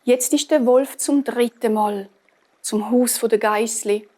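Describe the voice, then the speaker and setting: A woman with a Swiss German accent reads a fairy tale aloud. Her voice sits high and her pace is slow and gentle. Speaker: storyteller.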